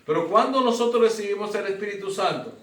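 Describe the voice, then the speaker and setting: A man's voice: high-pitched, lively intonation, fast talker, a bit bright. A middle-aged man, a pastor teaching a Bible study in a conversational way with rhetorical questions and frequent restarts. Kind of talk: Bible study lesson with personal testimony. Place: church classroom. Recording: roomy, distant mic, faint noise.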